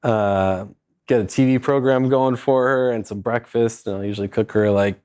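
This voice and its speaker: A man in his thirties from San Diego, chatting as an interview guest in a relaxed way, often pausing with "uh" and "um". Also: mid-range voice, clean tone. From San Diego, California. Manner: relaxed, laid-back, with frequent "uh" and "um". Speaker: guest, private lender. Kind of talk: casual interview chat.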